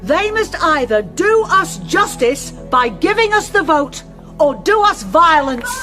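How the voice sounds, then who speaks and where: A woman's voice: very high voice, big pitch swings, a little slow, faint music behind, exaggerated voice. A woman playing a fiery suffrage leader orating. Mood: rousing, defiant. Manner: orating loudly to a crowd. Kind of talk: historical drama acting.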